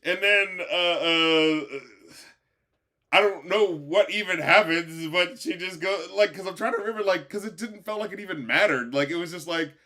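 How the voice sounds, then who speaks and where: A man's voice: sits high, normal speed, sharp tone. A man in a casual, profane, rambling rant, exasperated and stumbling over fillers as he talks. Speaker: commentator. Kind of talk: casual rant about a show.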